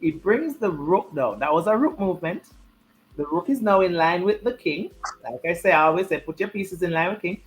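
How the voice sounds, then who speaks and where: Man, chess commentator, fairly high voice, repeats points for emphasis, live commentary, noisy background. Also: lively intonation, fairly quick.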